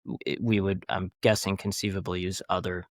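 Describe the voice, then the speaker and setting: A man's voice: sits low, flat delivery, a little fast, no echo, clean studio sound. A man talking as a podcast guest, rambling and enthusiastic, with many fillers and restarts. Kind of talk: casual interview talk.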